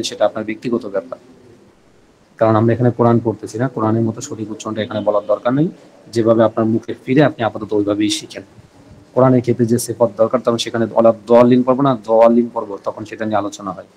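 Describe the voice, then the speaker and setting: A man's voice: lowish voice, a little mellow, rough recording. A man teaching Arabic grammar in an online class over a video call. He repeats key terms so students can memorize them and often checks whether they follow. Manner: checks in with frequent rhetorical questions.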